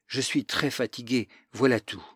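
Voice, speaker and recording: A man's voice: medium pitch, fairly even intonation, normal speed, breathy edge, no echo, clean studio sound, lightly acted. A man voicing a frightened, tearful young girl who pleads plaintively. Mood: pleading.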